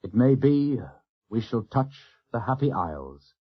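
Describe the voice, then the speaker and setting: A man voicing a quiet, apologetic male first lieutenant on a warship. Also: mid-range voice, big pitch swings, a little slow, husky. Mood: soft, wry. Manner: soft-spoken, apologetic. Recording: dull lo-fi audio.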